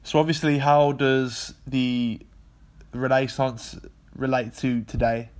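A man's voice: medium pitch, level tone, slow pace. A man with a nasal, congested voice from a cold, explaining history in a rambling, casual monologue full of fillers and the odd swear word. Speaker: video essay host.

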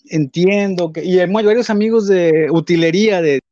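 A man, a guest calling in remotely, talking in halting restarts while his call audio glitches and cuts out. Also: high voice, dark tone, no echo. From Veracruz, Mexico. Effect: glitching, cutting-out call audio. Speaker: interview guest. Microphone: phone or video call. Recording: muffled remote call line.

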